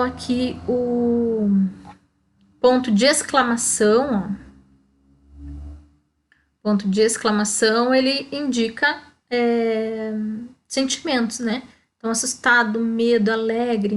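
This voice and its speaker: A Brazilian woman teaching a primary school lesson, explaining step by step and checking in with "tá?". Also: a little high. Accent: Brazilian Portuguese. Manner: slow, explaining, frequent "ó" and "tá?".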